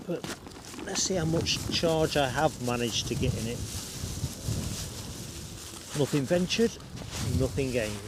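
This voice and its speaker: A man's voice: medium pitch, lively intonation, slow, long pauses. Chatty man streaming outdoors. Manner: chatty, reads out viewer comments. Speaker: live stream host. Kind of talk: casual live commentary. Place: outdoors near an airport. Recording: outdoor stream with clear background noise. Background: outdoor ambience and passing vehicles.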